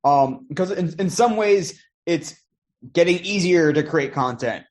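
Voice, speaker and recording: A man's voice: fairly high pitch, lively intonation, a little slow, a little mellow. A man hosting a podcast, asking long, rambling questions with many fillers and obvious enthusiasm. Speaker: podcast host. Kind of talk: casual interview chat.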